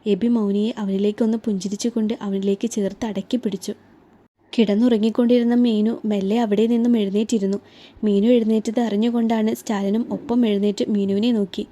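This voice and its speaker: A woman reads a romantic serial story aloud in a calm, even narrating voice. Her tone is mellow and warm, with a middle pitch for a woman and a steady, unhurried flow. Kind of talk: scripted narration.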